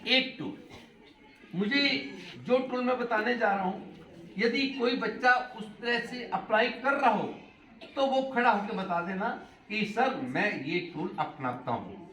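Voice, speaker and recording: A high, bright-voiced middle-aged man talks to a room full of students, his pitch swinging widely as he quizzes them. He is heard from some distance in an echoey hall, with faint noise underneath. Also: a little slow. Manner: animated, asks the class questions, mixes in English phrases. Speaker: motivational speaker addressing students. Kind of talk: classroom talk to schoolchildren.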